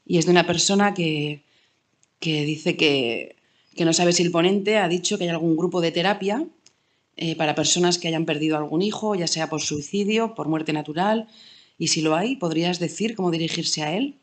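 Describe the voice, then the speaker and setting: A woman's voice: lowish voice, normal speed. A woman moderates an online talk, relaying messages the audience chat.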